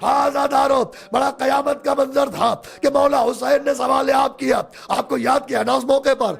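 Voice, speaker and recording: A male cleric delivering a mourning sermon, shouting with passion and breaking into melodic chanted lament. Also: very high-pitched, flat delivery, gravelly. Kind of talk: Muharram majlis sermon.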